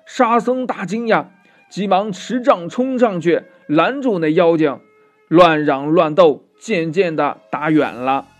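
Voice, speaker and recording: A male storyteller narrates a children's tale in a high, unhurried voice. He lilts along, stretching his sentence-end particles, with faint music playing underneath. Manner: lilting, with drawn-out particles.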